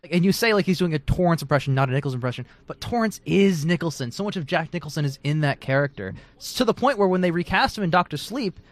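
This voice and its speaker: A man's voice: on the high side, lively intonation, quick pace, hardly any pauses, no echo. A man in a casual debate, chatty and loose, with lots of filler words and restarts. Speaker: author and debater.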